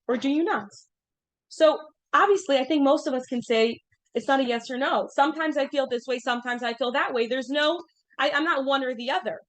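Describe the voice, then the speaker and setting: Woman, thirties, teacher, fairly high voice, chatty, lots of fillers, questions to the class. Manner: chatty, asks the group questions, many fillers. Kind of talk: informal class lesson.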